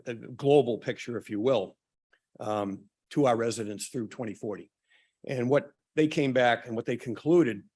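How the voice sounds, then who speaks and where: Presenting at a public forum, a town official reads prepared remarks in a voice of middling male pitch that's growing hoarse. He clears his throat occasionally, and his speech comes out halting and peppered with filler sounds.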